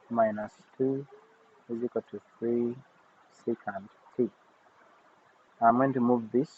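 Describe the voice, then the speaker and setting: A man teaching a recorded math lesson, talking steadily through each step of his working. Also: medium pitch. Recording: tinny phone-like audio with faint noise.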